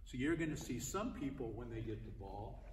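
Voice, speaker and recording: An older man coaching basketball drills in a large indoor gym. His voice comes from far off the camera and rings around the hard walls. A basketball bounces loudly behind him. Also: mid-range voice, lively intonation, a little fast, reverberant, big-room sound, very noisy. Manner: plain, repetitive coaching talk, often raised while dribbling. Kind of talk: instructional demonstration. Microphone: camera mic at a distance.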